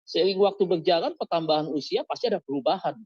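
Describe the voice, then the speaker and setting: A pastor, a man, preaches over an online call and keeps pressing his listeners with questions. His voice sits a bit high. The audio is dry and somewhat muffled, like lo-fi call sound. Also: fast talker, darkish tone, breathy edge, no echo. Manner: exhorting, asks the listeners many questions. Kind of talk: sermon over an online service. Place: online service on a video call.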